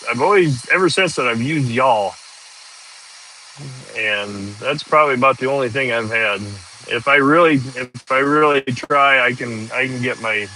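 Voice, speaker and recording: A man's voice: medium pitch, sharp tone, slight background noise, poor audio. A man, chatting casually and rambling on a live stream from a tractor cab, laughing easily. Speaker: farm worker livestreaming.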